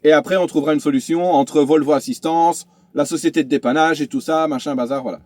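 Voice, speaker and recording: A man's voice: a little high, fairly even intonation, fast, a little mellow, dry recording. Chatty man telling a road story. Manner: chatty, many fillers and restarts. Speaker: truck driver vlogger. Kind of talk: casual vlog storytelling. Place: inside a truck cab.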